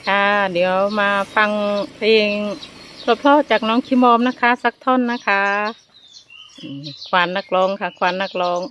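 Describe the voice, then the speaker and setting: A woman's voice: medium pitch, normal speed, fairly bright tone, slight background noise. A woman, chatting casually and coaxingly to camera as a vlog host, speaking politely to her viewers. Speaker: elephant keeper vlogger.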